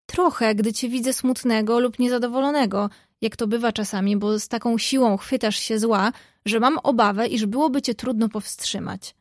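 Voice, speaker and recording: A woman voices a spirited, quick-tempered young woman from a storybook. She talks in a lively, outspoken way. The voice sits fairly high and the recording is dry and close. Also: dry recording, natural voice.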